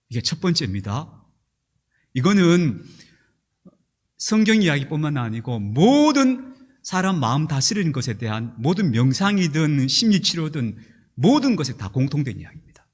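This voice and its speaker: A middle-aged male pastor preaching a sermon in a church, telling stories and acting out angry outbursts. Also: a little high.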